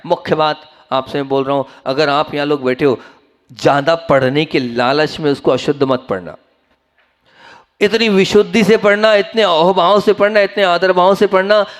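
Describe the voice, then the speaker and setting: A man, a monk, preaching a sermon to a gathering in an earnest, instructive way, teaching how to pronounce a mantra. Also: moderate pace. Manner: earnest, instructive, urges listeners to repeat and pay attention; swings between soft low phrases and raised emphatic ones.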